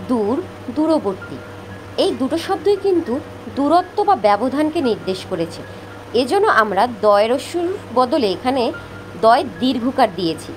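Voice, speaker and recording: A woman's voice: sits high, rough recording. A woman teacher explaining spelling rules step by step, reading out lists of examples and checking that her students follow. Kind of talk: spoken grammar lesson.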